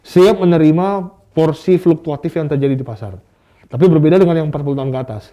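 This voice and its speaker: This man, a guest expert on investing in stocks, speaks quickly in a slightly high, mellow voice. In the casual interview he makes his points through examples and rhetorical questions.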